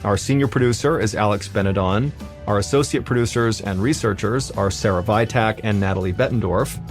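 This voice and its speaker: A man's voice: on the low side, brisk, soft background music. A man in his thirties, an American podcast host, narrating a true story in a conversational, scripted first-person style. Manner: conversational, chains sentences with "and so".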